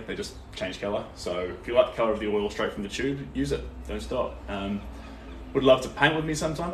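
A young man with a New Zealand accent chatting casually and encouragingly while he paints on a livestream. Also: mid-range voice. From Tauranga, North Island, New Zealand. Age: young adult. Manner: easygoing, encouraging, reads out viewers' comments. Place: small indoor art studio. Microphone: camera or phone a few steps away. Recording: roomy, distant mic, faint noise.

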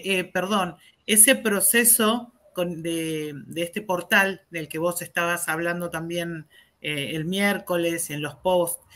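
A co-host speaking in a casual, hesitant way with many pauses. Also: mid-range voice, sharp tone. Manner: hesitant, many fillers and restarts. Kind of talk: casual chat.

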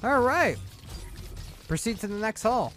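A man's voice: sits high, expressive, measured pace, fairly bright tone, faint music behind. A man doing casual, jokey playthrough commentary, reacting to a video game as he plays. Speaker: gaming video host.

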